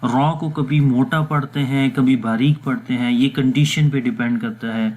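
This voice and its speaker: A man teaching Quran letter pronunciation in a patient, step-by-step voice-over lesson, with slow, drawn-out demonstration syllables. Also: medium pitch, fairly even intonation, darkish tone. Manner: patient step-by-step explaining, mixes English words, pauses with fillers. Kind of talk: explanatory lesson with recitation drills.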